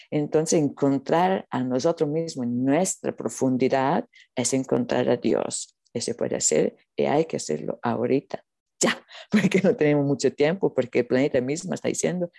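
Spiritual teacher, non-native Spanish, creaky and dark-toned, earnest, feeling for words, close dry recording. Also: medium pitch, no room sound. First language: not Spanish. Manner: earnest, halting, searching for words. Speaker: spiritual teacher being interviewed. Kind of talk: unscripted spiritual talk.

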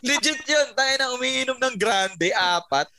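A man's voice: very high voice, unhurried. A man, a podcast guest telling stories in casual chat and laughing often. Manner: laughs often, animated storytelling.

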